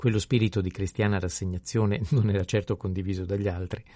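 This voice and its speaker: A man narrating an audiobook in a steady, measured reading style. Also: low voice, no echo, studio quality. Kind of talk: scripted narration.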